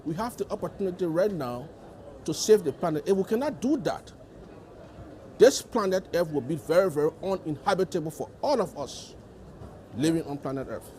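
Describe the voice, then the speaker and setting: A man's voice: fairly high pitch, animated, moderate pace, dark tone. A man with a Liberian accent giving formal interview answers as a delegate, stressing points by repeating his phrases. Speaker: government delegate being interviewed.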